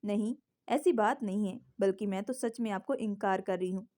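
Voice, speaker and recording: A woman voicing a shy, tipsy young woman who speaks softly and pleadingly. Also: medium pitch, moderate pace, close to an everyday voice. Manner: soft and pleading.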